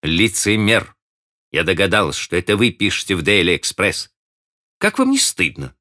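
Man voicing a young woman, sharp, teasing, insistent, raised voice, very lively intonation. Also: sits low, moderate pace, voice pushed up, full character voice. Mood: reproachful. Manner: pointed, insistent questioning.

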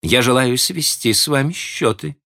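A man reading aloud and voicing a sharp, teasing young woman with a pointed, insistent manner of questioning. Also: medium pitch, expressive, moderate pace, voice pushed up. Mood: reproachful.

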